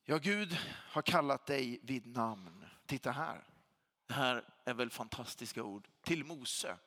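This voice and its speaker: Lively-voiced man preaching in a reverberant hall. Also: medium pitch. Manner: emphatic preacher, repeats phrases for weight. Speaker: pastor. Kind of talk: sermon.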